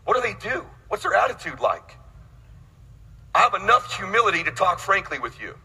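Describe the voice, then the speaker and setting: A man's voice: high voice, big pitch swings, normal speed, bright, forceful tone, husky, long reverb tail, rough recording. A man in his late forties giving a blunt, intense motivational speech on sales, swearing freely as he preaches. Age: 40s.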